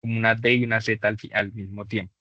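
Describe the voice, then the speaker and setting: A man teaching a beginner English class, explaining patiently and slowing down to model English examples. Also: lowish voice, level tone, no echo. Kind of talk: online class lesson. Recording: dull dry lo-fi mic.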